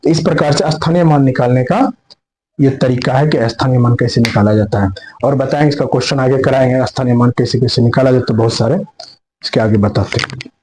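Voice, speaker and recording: A man's voice: mid-range voice, fairly even intonation, a little fast, a little mellow, slight background noise, rough recording. A man teaching a maths class. He asks questions and answers them himself, and he repeats and rephrases each step. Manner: repeats and rephrases points, mixes in English terms. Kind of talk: classroom lesson explaining on a board.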